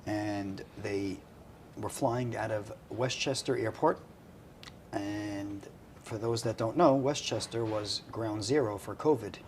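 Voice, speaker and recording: A man's voice: on the low side, slow pace, a little mellow, a little hiss or hum. A man who runs a charity, talking earnestly on a casual talk show, with lots of "you know"s. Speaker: charity CEO, guest. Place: restaurant.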